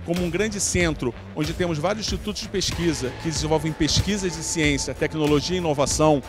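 Guy explaining formal stuff, a bit high voice, music behind. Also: a little fast. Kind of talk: interview soundbite.

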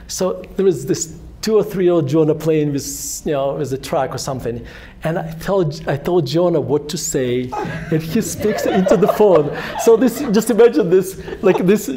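Holding a handheld mic at a fireside chat in a synagogue hall, this Russian-accented man in his forties, an author appearing as the guest, speaks in a high, mellow voice. His stories ramble, poke fun at himself, and keep restarting.

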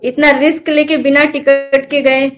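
A woman's voice: high-pitched, little pitch movement, measured pace, over music. A young woman earnestly recounting a personal devotional experience as an interview guest, telling it as a story. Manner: earnest, storytelling, addresses host as bhaiya. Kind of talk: personal testimony in conversation.

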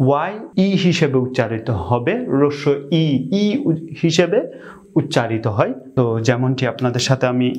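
Patient man teaching with slow repeats. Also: medium pitch, a little mellow. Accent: Bangladeshi. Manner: repetitive, fills pauses with "ah", repeats example words slowly. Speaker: English pronunciation teacher. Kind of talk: explanatory online lesson.

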